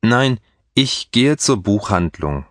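Guy reading language lesson lines real slow, lowish voice, dry studio sound. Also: expressive, fairly bright tone, dry recording. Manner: slow, careful, deliberate enunciation. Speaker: language course speaker. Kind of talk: scripted textbook dialogue reading.

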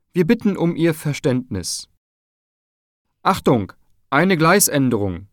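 A man reading train station announcements in a formal, measured announcer delivery. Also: on the high side, no room sound, clean studio sound.

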